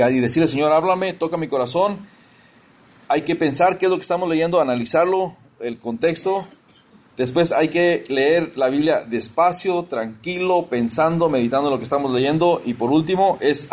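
Speaking in a slightly high, somewhat mellow voice, this preacher keeps his sermon casual, putting questions to his listeners and addressing them as brothers. He trips over words, starts over, and drops in exclamations in English.

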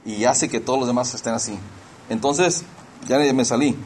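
Man preaching, middle-aged, chatty sermon style, many restarts, average pitch, faint hiss behind. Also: normal speed, a little mellow. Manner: conversational preaching, mixing in English phrases, many restarts. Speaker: pastor.

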